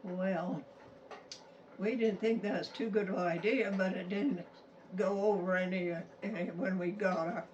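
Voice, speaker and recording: A woman in her nineties with a rural Utah American accent tells a childhood story as a grandmother, casually, in a folksy, halting, plain-spoken way. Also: mid-range voice, steady tone, darkish tone, highs cut off. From Utah, United States. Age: 90s. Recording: distant mic with faint background noise.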